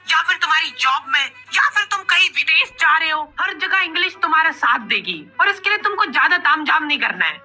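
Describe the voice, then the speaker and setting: A man's voice: very high voice, sharp tone. A man narrating a comedy sketch in a chatty, teasing way, talking straight to viewers. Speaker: comedy narrator and sponsor reader. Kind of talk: scripted comic narration.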